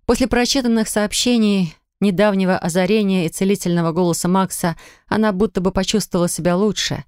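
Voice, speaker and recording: A woman narrating an audiobook in a studio with expressive, intimate storytelling. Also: medium pitch, fairly quick, smooth, no room sound. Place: recording studio.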